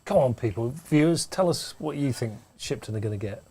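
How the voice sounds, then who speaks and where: A man giving relaxed, chatty live commentary on a club cricket match from a pavilion room. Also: mid-range voice, fairly quick, slightly rough.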